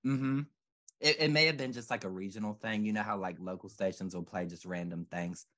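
Deep-voiced man in rambling casual chat. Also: brisk, a bit bright. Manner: rambling, reflective, with many fillers.

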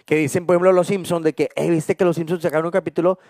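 A young man with a Mexican Spanish accent co-hosting a casual podcast, chatting in a relaxed, slangy way. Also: fairly high pitch, quick pace, dry recording, studio quality. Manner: relaxed, slangy, laughs often. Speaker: podcast co-host.

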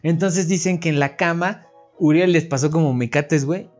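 A man's voice: on the high side, moderate pace, a little mellow. A young man with a Mexican accent telling a rambling story in casual chat, full of crude slang. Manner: rambling, crude slang, says "güey" constantly. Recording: dull lo-fi recording with faint music.

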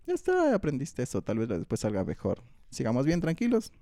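A young man who chats casually and swears constantly, breaking into laughter. His voice is dark and mellow, and his pitch swings widely. The sound is dry and close. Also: wildly swooping pitch, brisk, no echo. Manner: profane, laughs often, acts out quoted rants. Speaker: podcast co-host. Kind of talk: casual crude comedic chat.

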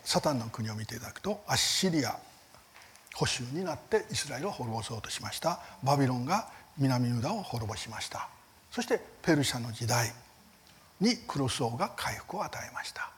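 A man giving a Bible seminar lecture, earnest and emphatic, with rhetorical questions and line ends that fade to a near whisper. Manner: lively rises in pitch on key words, soft fading line ends. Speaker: Bible teacher.

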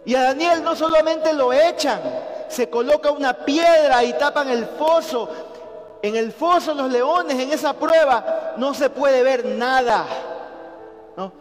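A man's voice: very high-pitched, unhurried. A man preaching a sermon, repeating phrases and calling on the congregation to answer, with rhetorical "¿no?" tags. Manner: repetitive, call-and-response with the congregation. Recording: echoey hall with faint music.

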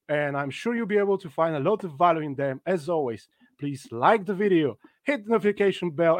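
A man hosts a football betting live stream with upbeat, presenter-style delivery. His voice sits a little high. The sound is close and dry, with no room around it. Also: dry recording. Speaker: host.

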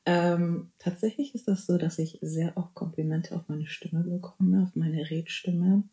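A young woman in her twenties talks through her podcast with a low, gravelly voice that has a mellow warmth to it. She is chatty and playful, slips into English phrases and drops in amens, and the room around her sounds echoey. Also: steady tone, unhurried. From Germany (Bavaria). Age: 20s. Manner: praise interjections like amen and hallelujah. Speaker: podcast host. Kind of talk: casual solo podcast talk.

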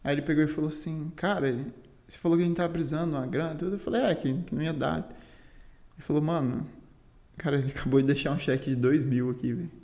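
A Brazilian man, a Muay Thai fighter and teacher appearing as a guest, tells a story in loose, slangy conversation full of filler words. His voice sits on the high side and moves quickly, with a darkish tone and a Brazilian Portuguese accent. The recording sounds roomy and echoey.

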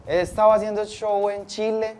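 A man's voice: high voice, flat delivery, moderate pace, darkish tone. A Colombian comedian, a man, talking as a guest in a laid-back, joking interview chat.

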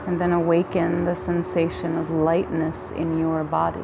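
A woman guiding a yoga nidra relaxation in a calm, soothing, gentle manner with long pauses between phrases. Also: deep voice, vocal fry, noisy background. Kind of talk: guided relaxation meditation.

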